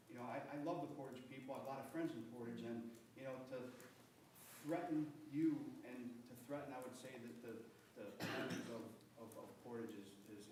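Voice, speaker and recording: A man giving public comment at a council meeting, indignant and halting, often repeating words. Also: mid-range voice, noisy background. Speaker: public commenter, state representative. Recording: very echoey room, speaker far from the mic.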